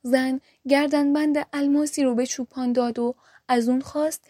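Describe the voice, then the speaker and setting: A woman narrating a folk tale audiobook in a calm, even, colloquial storytelling manner. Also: sits high, no echo, clean studio sound.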